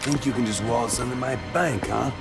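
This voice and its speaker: A man's voice: fairly quick, vocal fry, roomy sound, loud music behind the voice, close to an everyday voice. A man playing a manic, mocking, theatrical clown crime boss in a video game, taunting in a sing-song way. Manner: sing-song taunting, swooping from low to shrill. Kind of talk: video game cutscene acting.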